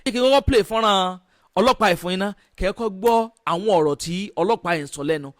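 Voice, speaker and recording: A man's voice: sits high, rapid-fire, fairly bright tone, no room sound, clean studio sound. A man with a Nigerian accent presents opinionated news commentary, mixing in English phrases and firing off indignant rhetorical questions. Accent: Nigerian Yoruba-language accent. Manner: mixes English phrases into speech.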